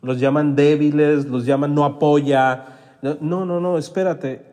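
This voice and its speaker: A man's voice: a little high, fairly even intonation, measured pace, mellow, in a large hall. A man giving a motivational self-help talk as a podcast host, coaching listeners and having them repeat phrases after him.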